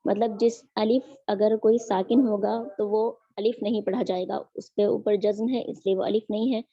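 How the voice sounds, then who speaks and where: A woman teaching Quran recitation in an online lesson, drilling each sound slowly and patiently. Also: medium pitch, steady tone, warm tone, no echo, lo-fi sound.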